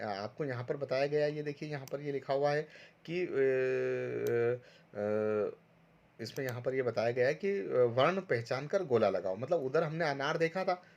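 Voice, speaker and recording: A man's voice: medium pitch, darkish tone, lo-fi sound. A man teaching a recorded online lesson to first graders, patiently going step by step and sounding out syllables for pupils to repeat. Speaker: primary school teacher.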